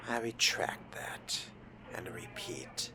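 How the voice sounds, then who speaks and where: This in-character roleplay commentary comes from a man with a low, whispered voice and lively intonation, taking his time. He narrates the game in a pompous, disdainful manner with formal phrasing.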